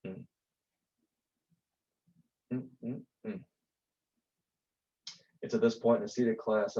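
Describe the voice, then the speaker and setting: A man's voice: lowish voice, vocal fry, darkish tone, muffled recording. A man, a college instructor telling a story in a lecture, using rhetorical questions and dramatic repetition.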